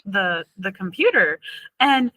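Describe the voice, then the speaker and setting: A woman's voice: mid-range voice, sing-song, slow pace, bright, forceful tone, rough recording. A woman co-hosting a podcast, chatting casually and telling anecdotes with frequent laughter. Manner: chatty storyteller, laughs often. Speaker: podcast co-host.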